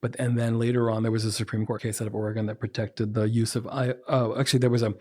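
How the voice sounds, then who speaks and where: A man's voice: medium pitch, level tone, quick pace, mellow, slightly rough. A man from Oklahoma explaining at length in a podcast conversation, building to emphatic points.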